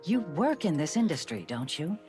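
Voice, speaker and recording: An actor playing a composed, formal corporate representative whose voice comes through a robotic voice changer, speaking in a measured, persuasive way in a video game. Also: male voice, fairly high pitch, sing-song, darkish tone, faint music behind. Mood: measured, earnest.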